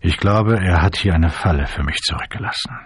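A man voicing a quiet, laconic male wanderer who answers in few words. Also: low voice, fairly quick, husky, dry recording, studio quality. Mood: terse. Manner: terse, quiet, clipped.

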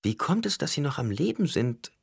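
A man's voice: mid-range voice, very animated, brisk, creaky, husky, pitched above the performer's own voice, heavily acted. A man putting on a fierce, haughty young noblewoman. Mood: indignant. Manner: sharp, indignant, snapping. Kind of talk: audiobook character voice.

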